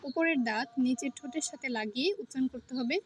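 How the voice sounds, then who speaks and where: A woman teaching the Arabic alphabet in a step-by-step pronunciation lesson, saying each letter slowly and repeating it. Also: sits high, husky.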